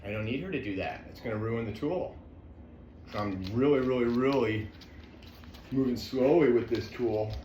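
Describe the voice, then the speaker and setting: A man working as a dog trainer, calmly explaining a training session to viewers between soft coaxing praise for the dog. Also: medium pitch, normal speed, long pauses, reverberant, muffled recording, slight background noise. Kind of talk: narrating a training session to camera. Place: indoor room with a dog.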